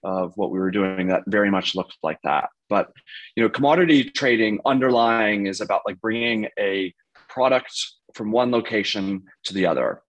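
A man's voice: fairly low pitch, a bit bright, poor audio. A man in his thirties, a podcast guest, answering casually and hesitantly, full of "you know" and "like". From United States.

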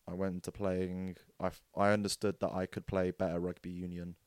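A young Englishman talks through his rugby years as a podcast guest, lively and joking. His voice sits a little low. It is recorded dry and close, with no room sound. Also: brisk, clear, resonant tone, no echo. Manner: animated storyteller, acts out quotes with jokes and laughs. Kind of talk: casual storytelling chat.

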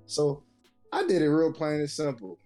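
A man's voice: fairly high pitch, animated, moderate pace, warm tone, soft background music. A young adult man co-hosting a podcast, telling a story in a loose, slangy, profane way full of fillers. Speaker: podcast co-host. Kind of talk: casual storytelling chat.

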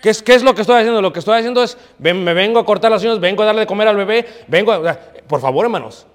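A man's voice: sits high, lively intonation, rapid-fire, in a large hall. A male pastor preaching a sermon, scolding his congregation and asking them questions he answers himself. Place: church hall.

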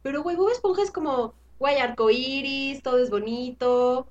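High-voiced Mexican woman, slangy chat. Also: normal speed, a little mellow, muffled recording. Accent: Mexican Spanish. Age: 20s. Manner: enthusiastic, slangy and frank. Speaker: podcast co-host. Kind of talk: casual chat.

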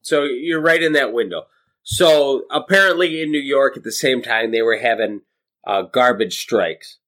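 A middle-aged man talks through a movie with a co-host in loose, casual chat. His delivery wanders, full of fillers, restarts and cheerful swearing, and his pitch sits in an ordinary middle range. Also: normal speed, a bit bright. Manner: rambling, profane, many fillers and restarts. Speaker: podcast co-host.

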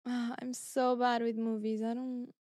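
A woman co-hosting a casual podcast chat, excitable and quick to laugh. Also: a little high, dry recording, studio quality. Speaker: podcast co-host.

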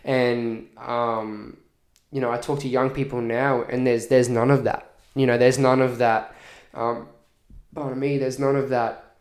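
A man's voice: mid-range voice, little pitch movement, measured pace. Man in an echoey room. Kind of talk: casual podcast conversation.

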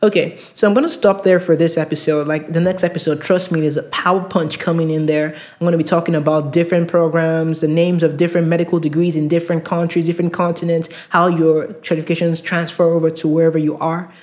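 A fast-talking man from outside the US, with few pauses, advises premed students on his podcast in a casual monologue. His fairly high voice is level and darkish, and he's earnest and emphatic, often repeating words for stress. A handheld recorder mic picks him up.

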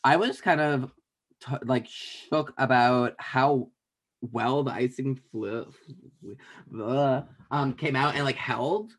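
A man's voice: medium pitch, slow pace. A man from Canada co-hosting a podcast, chatting in a rambling, joking way with frequent restarts. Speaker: podcast co-host. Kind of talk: casual chat.

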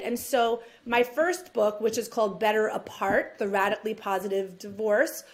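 A woman with a New York accent, a divorce mediator talking in a rambling, chatty way on a podcast interview. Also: a little high. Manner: chatty, rambling, self-deprecating laughs.

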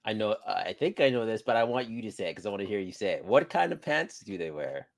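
A man's voice: fairly low pitch, very animated, quick pace, gravelly. A man co-hosting a podcast in casual chat, laid-back and opinionated, often restarting his sentences. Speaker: podcast co-host.

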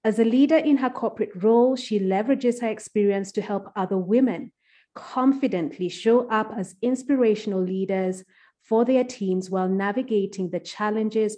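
Here a podcast host with a dark-toned, mid-range voice reads out scripted introductions. She then interviews her guest with a series of questions.

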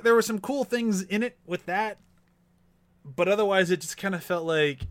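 A man's voice: high-pitched, a bit bright. A man in a casual film discussion, talking in a rambling way and acting out imagined quotes as he goes. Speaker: movie review panelist.

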